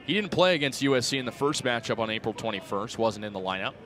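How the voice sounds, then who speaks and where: A fast-talking man in his twenties, with an expressive, fairly bright mid-range voice, does radio play-by-play of a baseball game. The broadcast comes from an outdoor ballpark, with stadium crowd and music in the background.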